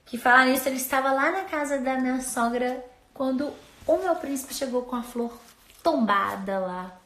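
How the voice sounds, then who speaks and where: A woman's voice: sits high, moderate pace, a bit bright. A woman chatting casually into her phone as an influencer, rambling and playful. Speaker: social media influencer. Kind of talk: casual phone stories chat. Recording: roomy echo.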